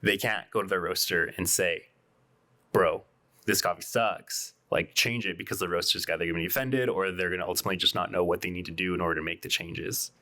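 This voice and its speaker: Man, very deep voice, relaxed podcast guest, casual talk. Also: fast talker, few pauses. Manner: relaxed, talks through his reasoning with fillers. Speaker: coffee shop co-owner, guest.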